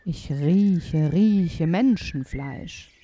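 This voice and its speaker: A woman voicing a huge, greedy man-eating giant who speaks slowly and menacingly. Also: on the low side, warm tone. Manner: slow, menacing.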